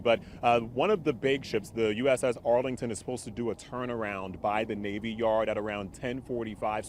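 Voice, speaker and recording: A man's voice: fairly low pitch, a little hiss or hum. Man reporting live outdoors. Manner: conversational with filler "uh"s. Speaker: TV news field reporter. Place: outdoors by a river.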